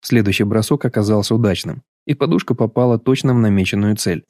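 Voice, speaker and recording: Dark-voiced male audiobook narrator. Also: fairly low pitch, no room sound, studio quality. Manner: even, measured reading. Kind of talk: scripted narration.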